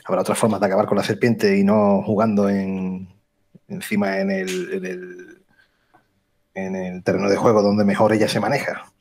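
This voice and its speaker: Gravelly-voiced player thinking aloud. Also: male voice, low voice, little pitch movement, moderate pace, darkish tone. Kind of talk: casual game talk.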